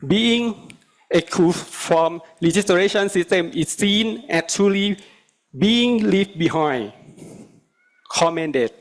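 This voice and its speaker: A man from Thailand with a Thai accent, a native Thai speaker, reads a formal prepared speech in halting short phrases as a government representative. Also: sits high.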